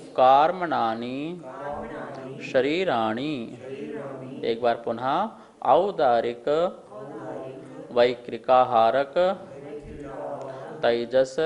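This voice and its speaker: A man teaching a scripture lesson at a board, slowly and deliberately drilling the pronunciation of each word. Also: medium pitch, a little mellow. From India.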